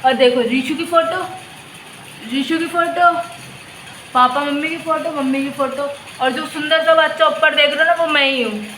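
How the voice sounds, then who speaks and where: A young woman vlogging at home into her phone, talking casually to her viewers in a high voice. She sounds tired and unwell. Faint household noise sits under her voice. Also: moderate pace, pushed and bright, low-quality recording. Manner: chatty, laughs often, talks to viewers and to a cow. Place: indoors and in yard of a home.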